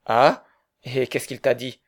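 A man's voice: medium pitch, fairly even intonation, takes it slowly, lightly acted. A man voicing an anxious, jealous young man in love, in a dramatized audiobook reading. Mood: fretful. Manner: fretful, pleading.

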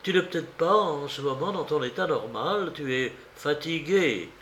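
A man's voice: a little high, lively intonation, moderate pace, fairly bright tone, slight background noise. A male narrator voicing an earnest, restrained young woman in an audiobook. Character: composed young woman, the sister. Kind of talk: audiobook character reading. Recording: roomy recording.

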